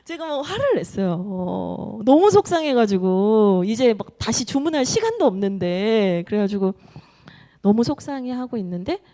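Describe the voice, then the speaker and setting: Animated woman pastor telling a story. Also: mid-range voice, moderate pace. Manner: lively storytelling with playful quoted dialogue. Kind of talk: sermon. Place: church sanctuary.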